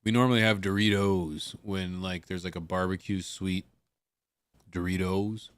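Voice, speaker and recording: A man's voice: low voice, steady tone, measured pace, clear, resonant tone, no echo. A man streaming, chatting loosely and rambling with frequent swearing and restarts. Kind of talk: casual chat. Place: home streaming setup.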